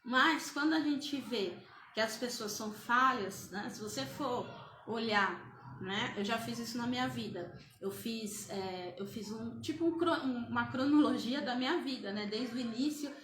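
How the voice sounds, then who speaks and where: A woman's voice: a little high, normal speed, a bit bright, reverberant, slight background noise. A woman evangelist giving a church testimony, hesitant and full of fillers and restarts.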